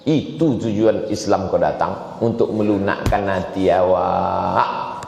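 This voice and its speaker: Male preacher, lively comic sermon, echoey mosque hall, long reverb. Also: takes it slowly, creaky, slight background noise. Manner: animated storytelling, jumps high for comic voices. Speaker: Islamic preacher. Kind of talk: humorous sermon.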